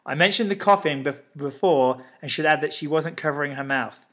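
A man with a slightly higher voice, co-hosting a relaxed podcast chat. He reads posts aloud and reacts to them with animated swings in pitch. A lingering cough breaks in now and then. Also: fairly quick. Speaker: podcast co-host.

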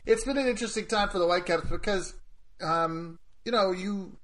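A man with a voice pitched a bit above the usual male range, chatting casually on a sports podcast. He often pauses and restarts as he hunts for the right words. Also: a bit bright. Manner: hesitant, searching for words with many fillers. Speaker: podcast co-host.

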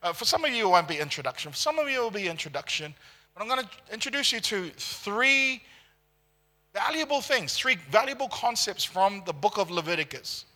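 Male pastor, very bright, forceful voice, lively storyteller. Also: sits high, brisk. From Singapore. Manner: animated storytelling, frequent tag questions. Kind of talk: conversational sermon.

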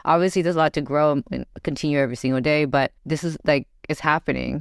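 Low smooth lady host coaching a guest, encouraging, lots of you know, dry mic. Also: steady tone, fast talker, no echo. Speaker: podcast host and business coach. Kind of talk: casual podcast interview.

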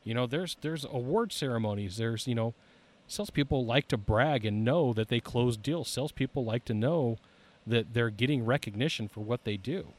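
Male podcast host, mid-pitched, informal and direct, recording a conversational monologue outdoors at the beach. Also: moderate pace. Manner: plain-spoken, informal, addressing listeners directly. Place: outdoors at a beach park near the ocean. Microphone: microphone, seated.

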